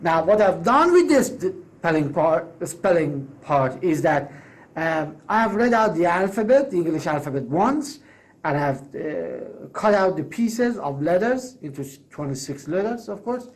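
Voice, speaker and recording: Pitching a proposal alone on camera, this Persian-speaking course creator has a sing-song delivery and a measured pace. He is forceful and persuasive, with frequent self-correcting restarts.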